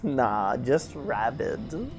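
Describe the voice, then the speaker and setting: Guy doing a nerdy awkward young dude, slow and deadpan, voice swoops around. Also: medium pitch, soft background music. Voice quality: nerdy voice, slow halting delivery.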